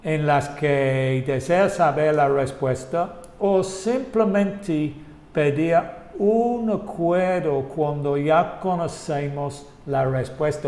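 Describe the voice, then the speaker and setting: A man's voice: on the high side, a little mellow, echoey room. A man whose first language is English, teaching an online English lesson in Spanish and repeating example phrases to show rising and falling intonation.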